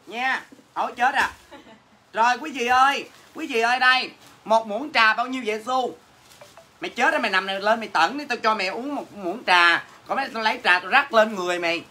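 A woman's voice: on the high side, brisk, pushed and bright. A woman with a Southern Vietnamese accent hosts a casual livestream sale, teasing viewers with brash, crude jokes as she answers comments. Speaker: livestream host selling goods. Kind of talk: casual livestream sales chat.

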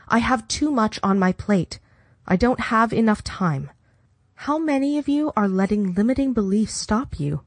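A woman's voice: mid-range voice, darkish tone, no room sound. Woman narrating a self-help audiobook, close dry sound. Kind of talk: scripted self-help narration with affirmations and guided exercises.

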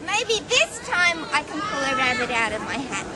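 A woman's voice: high voice, very animated, normal speed. A woman performing as a kids party magician in a clown act, exclaiming and coaxing young children to join in with her tricks. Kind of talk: live children's magic show patter. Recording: loud music and noisy crowd behind. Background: music and a crowd of children.

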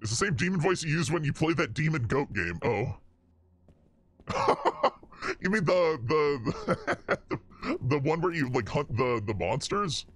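A male game streamer talking through a deepening voice changer filter, goofing around and testing how it sounds. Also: wildly swooping pitch, a little slow, fairly bright tone, slightly rough, exaggerated voice. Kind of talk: casual gaming commentary.

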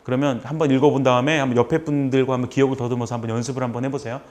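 A man teaching a class, patiently repeating short phrases slowly so students can copy them. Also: mid-range voice, flat delivery, darkish tone. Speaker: language instructor. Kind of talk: classroom lesson.

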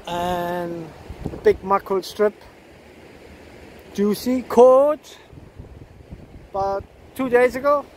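High-voiced man on a windy beach. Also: animated, slow, pauses often. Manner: chatty, laughs often, repeats words. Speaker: fishing vlogger. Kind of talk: casual outdoor vlog commentary. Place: open sandy beach by the surf. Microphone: handheld camera close to face. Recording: wind and surf noise.

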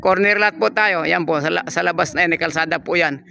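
A man's voice: a little high, brisk, vocal fry, bright, forceful tone. A man walking a lot outdoors and narrating a property tour in polite, upbeat salesman patter. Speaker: real estate agent giving a property tour. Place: outdoors on a large fenced lot.

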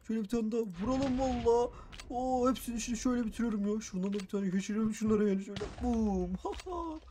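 A man narrating a game role-play as a gaming YouTuber, excitable and boastful, with frequent exclamations. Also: sits high, quick pace, a little hiss or hum. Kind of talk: Minecraft role-play commentary.

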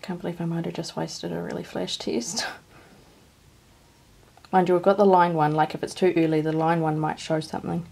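A woman's voice: fairly low pitch, little pitch movement, normal speed. A woman vlogging by herself on a handheld camera, with a nervous, shaky manner, often dropping to a near whisper. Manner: nervous, shaky, breathy, trailing off into quiet. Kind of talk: casual vlog narration.

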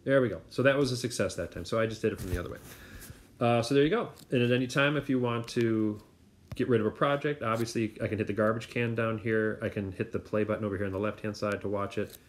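A man's voice: lowish voice, fast talker, a little hiss or hum. A man walking through an app step by step in a casual tutorial, thinking aloud with plenty of fillers. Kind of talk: screen-recorded tutorial walkthrough.

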